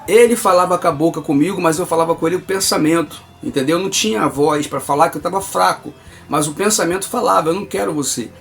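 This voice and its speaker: A man's voice: a little high, fast, creaky. Earnest Brazilian man giving testimony. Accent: Brazilian Portuguese. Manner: earnest and emphatic, addresses listeners as brother. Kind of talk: personal religious testimony.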